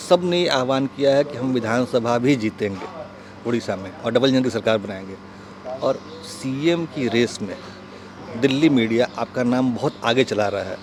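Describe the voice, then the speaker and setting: A male interviewer asking direct, brisk questions of a political guest and closing the segment. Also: mid-range voice. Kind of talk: news interview.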